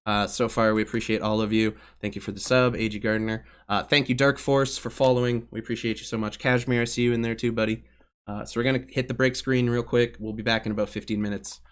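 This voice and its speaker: A man's voice: mid-range voice, level tone, fast, smooth. A young man running a tabletop game on a live stream, casual with many fillers. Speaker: game master.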